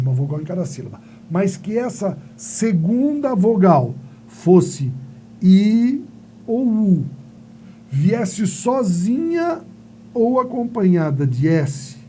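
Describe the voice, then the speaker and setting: A man's voice: high-pitched, warm tone, slight background noise. A male teacher giving a playful grammar lesson, asking and answering his own questions and telling silly stories.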